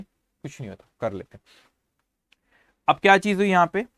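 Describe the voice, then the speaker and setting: A man with an Indian English accent teaches an accounting class, moving between Hindi and English terms and calling his students 'beta'. His voice sits somewhat high for a man. The recording is close and dry, with little room sound. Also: no echo. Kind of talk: online class lecture.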